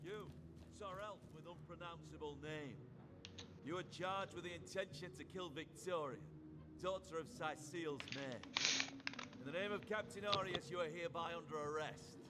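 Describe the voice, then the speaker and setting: Man playing a dutiful young legionnaire, higher voice. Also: normal speed, very noisy, natural voice. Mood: officious. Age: young adult. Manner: formal, deferential. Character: dutiful young male legionnaire, formal but unsure. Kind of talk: game character acting.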